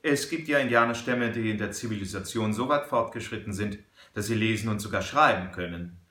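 A man voicing a calm, shrewd frontier hunter who explains things in a measured, firm way. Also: lowish voice, roomy sound.

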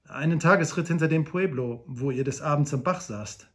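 A man's voice: fairly high pitch, normal speed, fairly bright tone, natural voice. A man voicing a great hunter who speaks firmly and with command in an audiobook. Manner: firm, commanding. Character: great commanding male hunter, calm and firm.

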